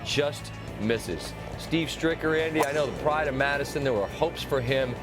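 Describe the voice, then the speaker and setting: A man working as a golf commentator, narrating tournament highlights over music. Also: normal speed. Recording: music bed under the voice.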